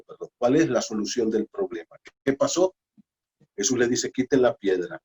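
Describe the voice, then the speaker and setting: Male Honduran pastor, Bible-study sermon, dynamic hushed-to-emphatic preaching. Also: on the low side, poor audio. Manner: preacherly, swings between hushed and emphatic, addresses listeners as brother.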